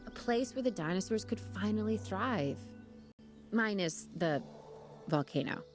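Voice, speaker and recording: A woman's voice: mid-range voice, expressive, a little slow, faint music behind, lightly acted. An actress voicing a determined, wry woman who runs a dinosaur operation, in video game dialogue. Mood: steady.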